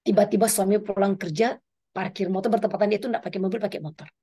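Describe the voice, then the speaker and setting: A middle-aged woman speaking at a women's prayer meeting, giving a lively spoken testimony sermon, her pitch rising and falling as she tells her story. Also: fast talker, slightly rough. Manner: animated storytelling, pitch swinging up and down.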